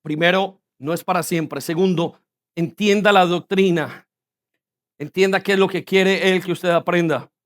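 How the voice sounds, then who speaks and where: A male pastor preaching a sermon in a church hall, moving between raised pleading lines and quiet earnest ones. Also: sits high, fairly even intonation, measured pace.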